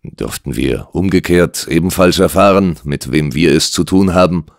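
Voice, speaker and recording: A man reads a composed, coolly ironic gentleman detective in an audiobook. He speaks calmly and precisely in a low voice. The sound is dry and close. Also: creaky, dry recording. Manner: calm, measured and precise.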